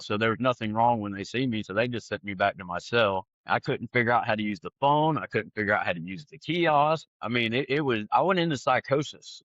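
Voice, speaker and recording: Man, guest telling his story, animated storytelling, muffled dry sound. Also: medium pitch, no room sound. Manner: animated, acts out other people's lines. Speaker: guest sharing his testimony. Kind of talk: conversational storytelling.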